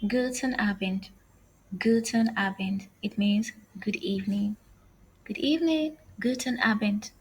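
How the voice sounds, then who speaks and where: Slow, breathy woman teaching a lesson. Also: medium pitch, steady tone, poor audio. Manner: slow and careful, repeating each phrase twice. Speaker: language teacher. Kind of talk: online language lesson.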